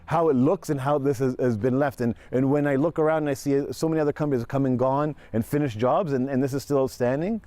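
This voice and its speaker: A man giving an unscripted news interview as a homeowner, speaking haltingly and repeating words. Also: medium pitch, steady tone, warm tone.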